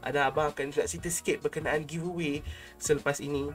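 A young Malaysian man with a slightly high voice hosts a casual vlog. He speaks informally and chattily to his viewers, close to the mic in a home room, with music playing behind him. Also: steady tone, fast talker. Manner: informal, chatty, addresses viewers as an older brother. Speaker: YouTube channel host. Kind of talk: casual vlog talk to subscribers. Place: small home room, indoors. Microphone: close desk microphone. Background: background music.

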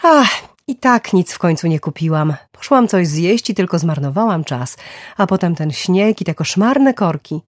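A woman's voice: fairly low pitch, lively intonation, moderate pace, no room sound, studio quality, pitched above the performer's own voice. A woman voicing an upset mother and wife who argues indignantly, in an audiobook thriller. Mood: flustered.

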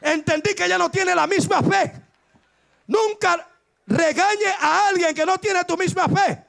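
A man preaching a fervent Pentecostal sermon who shouts and exhorts in bursts, repeating his phrases. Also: extremely high pitch, a little slow, creaky.

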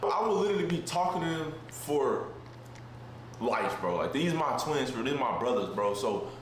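A man's voice: medium pitch, big pitch swings, moderate pace. A man in his twenties chatting casually in a living room, laid back and full of slang, saying "bro" at the end of lines. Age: 20s. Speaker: basketball player. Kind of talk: casual vlog chat. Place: living room with kitchen behind. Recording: very echoey room, faint hiss.

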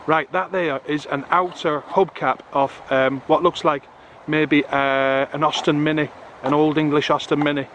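A middle-aged man chatting excitably to his viewers while magnet fishing outdoors in a river, filmed on a camera. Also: a little high, normal speed, lo-fi sound, slight background noise. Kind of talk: casual outdoor commentary. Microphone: camera on a tripod or handheld.

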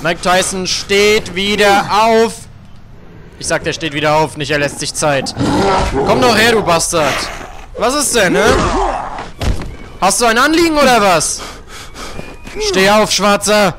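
A man's voice: sits high, lively intonation, a little slow, long pauses, noisy background. A young man commenting on a video game he is playing, crude and jokey, trash-talking the characters on screen. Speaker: let's play gamer.

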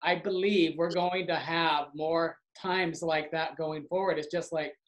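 A man's voice: fairly high pitch, steady tone, measured pace, low-quality recording. A man who works for a community organization, talking earnestly and reflectively in a casual conversation.

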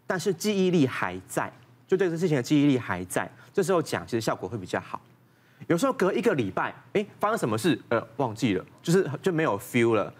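Man giving advice, expressive intonation. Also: medium pitch, breathy edge. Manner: gives numbered advice with case stories, laughs often. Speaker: doctor guest. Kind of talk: explaining advice on a talk show.

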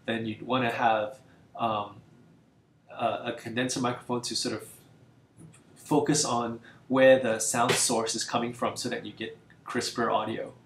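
A man's voice: medium pitch, little pitch movement, unhurried, a little hiss or hum. Man on an echoey built-in computer mic. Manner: casual, hesitant, many fillers. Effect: echoey cave-like sound through a built-in computer mic. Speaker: tutorial presenter. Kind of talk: casual screencast tutorial.

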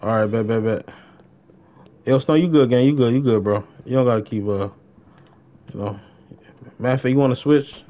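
A young American man with a mid-range voice livestreams a roleplay game at a moderate pace, pausing often. His chat is casual and slangy, repeating short phrases, over a dull, noisy stream mic.

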